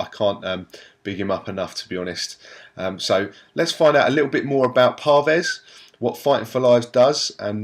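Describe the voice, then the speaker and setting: A man hosting an interview, chatty and full of fillers. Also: mid-range voice. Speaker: host. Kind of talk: casual interview.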